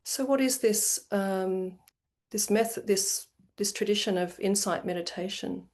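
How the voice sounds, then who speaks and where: Brief: woman, meditation teacher, relaxed conversational lecture, online session. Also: medium pitch, unhurried. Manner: conversational, with many fillers and restarts. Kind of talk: informal lecture.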